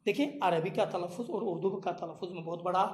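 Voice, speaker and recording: A tajweed teacher giving a recorded lecture, repeating and contrasting letter sounds slowly to demonstrate each one. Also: medium pitch, slight background noise. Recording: echoey room.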